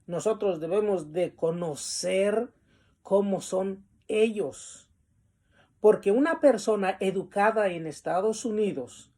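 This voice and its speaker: A man with a high, darkish voice teaches a Bible lesson, reading definitions from the text and explaining them with pauses and the filler "este."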